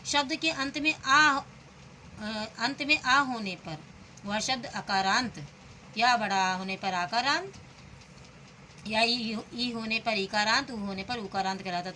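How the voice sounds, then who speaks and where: A woman teaching young students a grammar lesson. She breaks each word into its sounds slowly and asks the children questions as she goes. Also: fairly high pitch, bright, forceful tone, a little hiss or hum. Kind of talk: slow, patient classroom explanation.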